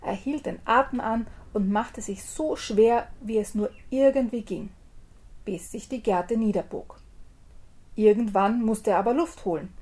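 A woman tells a fairy tale in a lively way and explains the dialect words as she goes. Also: a little high, measured pace, husky. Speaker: storyteller.

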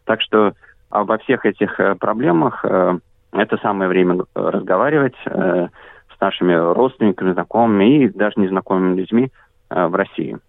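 Man, low gravelly voice, measured answers with hesitations, tinny dry phone line. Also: no echo. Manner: measured, frequent filler sounds, careful listing. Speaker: activist coordinator interviewed as guest. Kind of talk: remote interview answers.

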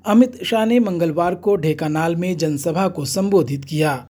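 A news anchor reads the bulletin in a steady, formal way. The voice is warm and mellow with a slightly husky edge. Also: mid-range voice, measured pace. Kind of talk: scripted news narration.

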